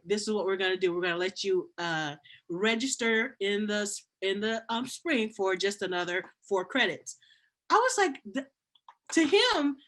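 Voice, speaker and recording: Middle-aged woman, a dean, bright tone, lively anecdotal interview delivery with restarts. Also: on the high side. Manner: animated, acts out quoted voices, frequent restarts. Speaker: university dean, interview guest. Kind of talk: storytelling in a casual interview.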